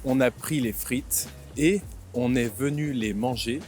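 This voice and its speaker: A man in his twenties from France, hosting a vlog and explaining things simply, with slow, clear speech that repeats and rephrases. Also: mid-range voice, a little mellow, faint music behind. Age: 20s. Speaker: vlog host and French teacher. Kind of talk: slow comprehensible-input vlog narration. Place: outdoors in a city.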